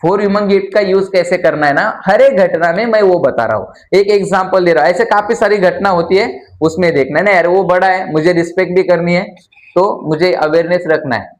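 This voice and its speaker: A man's voice: sits high, brisk, roomy sound. A man teaching a class in a chatty lecture style, quizzing his students and letting them finish his sentences. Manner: chatty, calls listeners "yaar".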